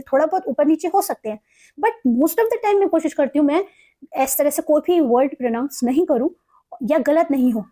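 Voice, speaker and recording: A young Indian woman teaching English vocabulary, explaining meanings and reading example sentences slowly and carefully. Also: high-pitched, a little mellow. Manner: mixes Hindi explanation with slow, carefully read English examples. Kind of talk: explaining word meanings in a lesson.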